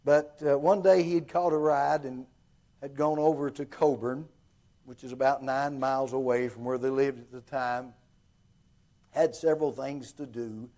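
A man with an Appalachian accent preaching in a folksy storytelling style, halting and circling back to repeat his phrases. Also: mid-range voice, fairly even intonation, mellow. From Appalachia, southwest Virginia.

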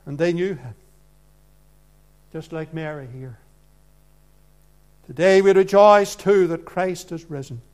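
Male preacher, high voice, slow pace, earnest evangelical sermon, short weighted phrases, bursts of loud projection. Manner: earnest, emphatic delivery with swings from hushed lines to loud projection; short declarative phrases with deliberate pauses.

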